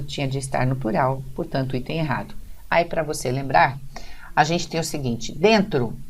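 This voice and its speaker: A woman with a Brazilian Portuguese accent teaching an online grammar lesson, explaining step by step and often checking in with her students. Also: deep voice.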